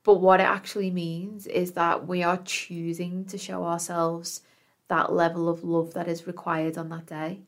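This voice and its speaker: A woman's voice: lowish voice, level tone, a little slow. A woman podcast host speaking in an earnest, affirming self-help influencer manner, reflecting aloud and addressing the listener directly.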